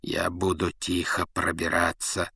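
A man voicing a grim male fugitive with a hoarse, rasping voice. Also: sits low, monotone, measured pace, sharp tone, dry recording, studio quality, full character voice. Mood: strained.

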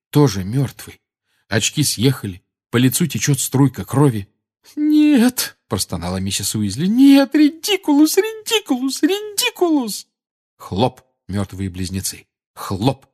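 A man narrating an audiobook expressively, moving between tense and hushed passages. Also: on the low side.

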